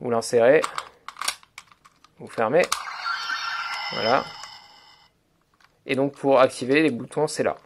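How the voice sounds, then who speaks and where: A man reviews a toy hands-on, explaining step by step as he handles it, full of hesitations and fillers like "donc voilà." His voice is medium in pitch and slow, with long pauses and background noise.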